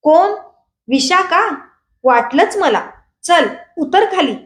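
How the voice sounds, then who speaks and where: A woman's voice: very high-pitched, animated, slow pace, reverberant, pitched above the performer's own voice, exaggerated voice. A woman doing a bossy, threatening village man. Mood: scolding. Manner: scolding, threatening. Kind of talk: storybook reading.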